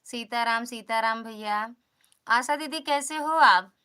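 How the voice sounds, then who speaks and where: Casting: chatty Awadhi-accented woman, livestream host, high bright voice, greets every commenter. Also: slow, clear, resonant tone. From Uttar Pradesh, India. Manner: chatty, greets commenters by name, calls for support and returns. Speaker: live stream host. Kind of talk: casual live-stream chat greeting viewers.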